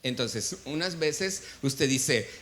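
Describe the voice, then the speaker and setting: Bright-voiced Mexican pastor quizzing his flock. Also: medium pitch, expressive, slow. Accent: Mexican Spanish. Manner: quizzes the congregation, call-and-response. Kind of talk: sermon. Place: church.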